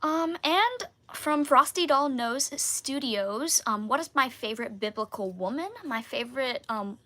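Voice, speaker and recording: A young woman answers viewer questions in a relaxed live Q&A. Her voice is bright and a little high, and she talks with many "um"s and giggles. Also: a little slow. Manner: chatty, giggly, many fillers. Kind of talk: casual live Q&A.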